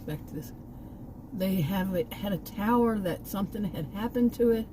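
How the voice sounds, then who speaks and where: A middle-aged woman with a Texan accent, originally from Texas, vlogs from her car by a park, recounting a bad experience in an exasperated, emphatic, rambling way with asides. Her voice is lowish, and the background is noisy.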